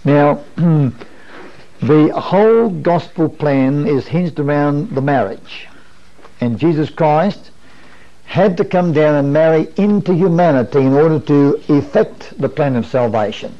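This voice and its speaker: A man's voice: on the high side, expressive, unhurried, mellow. Older man preaching on a lo-fi tape. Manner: earnest, explanatory, asks rhetorical questions. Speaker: preacher teaching a Bible study. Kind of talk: sermon-style Bible lesson with a whiteboard. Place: wood-panelled meeting room. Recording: dull lo-fi 1980s video recording.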